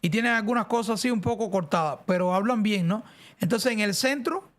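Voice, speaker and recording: A man's voice: high voice, fairly quick. A man with a central Cuban accent, chatting casually and rambling on a live game stream. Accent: central Cuban Spanish. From central Cuba. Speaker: streamer host.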